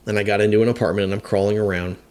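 Rapid-fire yet flat, his fairly low and slightly mellow voice carries a long podcast story. He's a firefighter in his fifties with years on the job, rambling conversationally with hesitant restarts and acted-out quotes.

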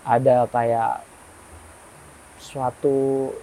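Animated young man. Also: mid-range voice, very slow, slight background noise, rough recording. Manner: animated, acts out quoted dialogue. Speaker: guest storyteller. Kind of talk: casual horror storytelling.

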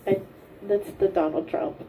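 Mellow young woman, a bit far from mic. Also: a little slow. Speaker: podcast co-host. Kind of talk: casual chat. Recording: distant mic, faint background noise.

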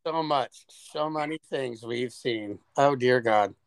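Animated, profane man podcast co-host. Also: mid-range voice, slow pace, clear, resonant tone, no room sound. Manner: animated, profane, exaggerated storyteller. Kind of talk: casual chat.

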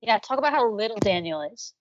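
A woman's voice: medium pitch, animated, quick pace, no room sound. A woman co-hosting a podcast, chatting casually and teasing the others. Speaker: podcast co-host. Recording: dull, lo-fi sound.

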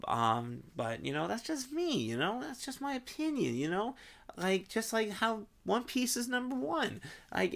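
Gravelly, animated woman rambling on a vlog. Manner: rambling, swears often, many fillers, sudden jumps in pitch. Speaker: vlogger. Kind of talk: casual rambling vlog chat.

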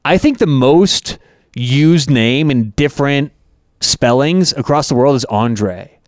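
Lively Canadian man talking sports. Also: mid-range voice, slow, no room sound, studio quality. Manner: excitable, animated when imitating announcers. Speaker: podcast co-host. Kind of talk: casual sports chat.

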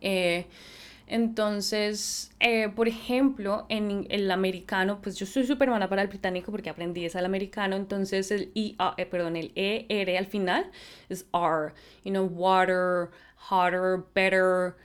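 A Colombian woman chatting straight to camera in a relaxed vlog. Her voice sits in an ordinary middle range, and her talk is loose and friendly, with English phrases slipped in here and there. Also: medium pitch, normal speed. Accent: Colombian Spanish. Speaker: vlogger.

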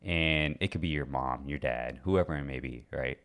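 A man hosting a casual interview, relaxed and affirming, often answering with a short yeah. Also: a bass voice, moderate pace, clear, resonant tone. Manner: relaxed, affirming with frequent yeahs. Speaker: host.

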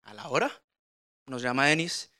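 Halting man with a bright voice. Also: medium pitch, animated. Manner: halting, with frequent restarts and repeated words. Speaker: guest speaker at a church. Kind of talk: personal testimony sermon.

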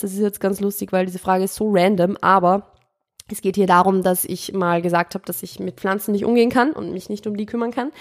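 A young woman hosting her podcast, answering listener questions in a chatty, rambling way, often correcting herself and dropping in English words. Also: mid-range voice. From Austria. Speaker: podcast host. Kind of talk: casual Q&A monologue.

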